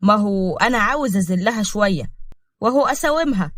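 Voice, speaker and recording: A woman's voice: mid-range voice, expressive, brisk, a bit bright, dry recording. A woman voicing a vengeful scheming man who gloats over his plan, in Egyptian Arabic. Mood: gloating.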